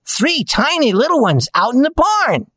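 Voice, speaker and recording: A man's voice: very high-pitched, sing-song, unhurried, a bit bright, no room sound, pitched above the performer's own voice, full character voice. A man voicing a friendly, talkative male farm dog in a storybook reading, with an earnest, chatty manner.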